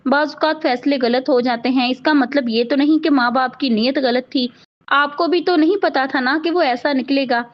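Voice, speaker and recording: A woman reading the lines of a young bride who speaks softly and politely. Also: high voice, steady tone, normal speed, natural voice. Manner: soft, polite. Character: young bride, gentle but proud. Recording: dull lo-fi audio.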